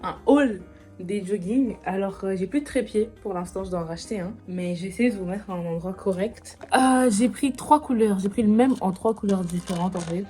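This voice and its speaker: A young woman from Belgium in casual vlog chat, talking straight to her viewers. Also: medium pitch. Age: young adult. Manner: chatty, talks straight to viewers. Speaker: vlogger.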